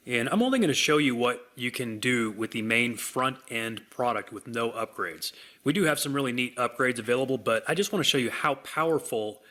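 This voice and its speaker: A man hosting a software demonstration, walking through it in an upbeat sales manner. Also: medium pitch, lively intonation, fairly quick, few pauses. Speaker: software demo host. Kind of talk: product demonstration.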